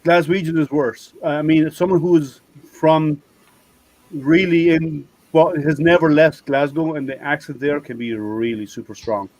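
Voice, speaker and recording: This is an Irish man hosting a casual maker hangout over a video call. His voice sits a little high for a man. He rambles and restarts his sentences, and the sound is dry and close, with no room in it. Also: fairly even intonation, a little slow, darkish tone, no echo, poor audio. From Ireland. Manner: chatty, rambling, self-interrupting. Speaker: host.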